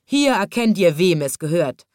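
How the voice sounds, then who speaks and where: A woman voicing a possessive older gentleman in a children's story, insisting loudly. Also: medium pitch, animated, fast, no echo, studio quality, voice pushed up, lightly acted. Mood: insistent. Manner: insistent, proclaiming.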